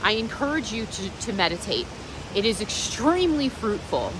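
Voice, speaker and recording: A woman's voice: mid-range voice, moderate pace. Encouraging woman vlogger, noisy outdoor recording. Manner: encouraging, addresses viewer directly. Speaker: vlogger and meditation practitioner. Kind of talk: unscripted reflective vlog talk. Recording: clear steady background noise.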